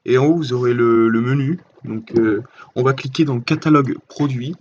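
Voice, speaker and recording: A man's voice: mid-range voice, normal speed, a little mellow, dull audio, slight background noise. Hesitant man walking through a screen tutorial. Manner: hesitant, many fillers and restarts. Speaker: tutorial host. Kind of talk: casual screen-recorded tutorial.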